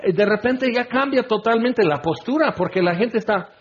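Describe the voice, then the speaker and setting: Predicador masculino de voz aguda, enérgico, que imita voces en su sermón; sonido apagado. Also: male voice, high voice, moderate pace, lo-fi sound, slight background noise. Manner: animated, acts out quoted voices, shouts exclamations. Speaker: preacher. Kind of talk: sermon.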